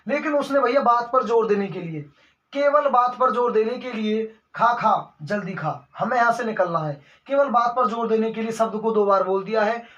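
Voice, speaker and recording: Young male exam-prep tutor, bright sharp tone, repeats his points and keeps calling listeners brother. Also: sits high. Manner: asks the class questions and answers them himself, repeating phrases; calls the listeners brother again and again. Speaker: teacher. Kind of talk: exam-prep Hindi grammar lesson. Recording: dull lo-fi recording.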